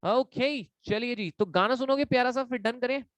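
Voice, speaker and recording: A man's voice: very high-pitched, normal speed, a bit bright, dry recording. Playful teacher man, dry sound. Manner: playful, teasing, repeats each point; mixes Hindi and English. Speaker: online exam-prep teacher. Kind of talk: live online lecture quiz.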